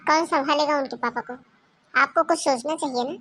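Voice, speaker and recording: A woman's voice: high voice, a little fast, a bit bright. A woman voicing a caring young daughter in a cartoon who speaks up for her sister-in-law in an earnest, persuasive way. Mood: arguing. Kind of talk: Hindi cartoon voice acting.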